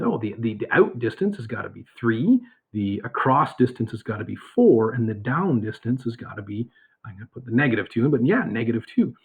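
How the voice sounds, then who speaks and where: A high school math teacher gives a casual lesson recorded at home, rambling with many fillers and asides. His mid-range voice has a breathy edge, and the audio sounds tinny, like a phone.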